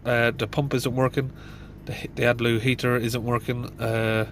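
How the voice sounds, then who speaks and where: This is a casual diagnostic walkthrough from a middle-aged mechanic thinking aloud in a van, plain and full of fillers. His mid-range voice, congested by hay fever, has a fairly bright tone and little pitch movement. He keeps a moderate pace over slight background noise.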